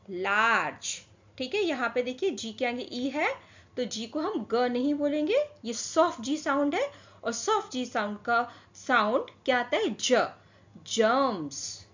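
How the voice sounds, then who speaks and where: A slightly high-voiced woman teaches children phonics, her pitch rising and falling a lot. She goes slowly, drawing out each example word and asking questions. The lo-fi recording sounds a bit muffled. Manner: slow, drawn-out word modelling with repeated questions. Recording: dull lo-fi sound.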